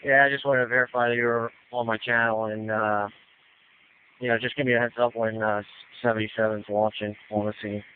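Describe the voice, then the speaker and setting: Guy running a rescue scene over police style radio, quick clear voice, even tone, tinny transmission. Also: lowish voice, a little hiss or hum. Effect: two-way radio. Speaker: fire incident commander. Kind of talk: emergency radio traffic.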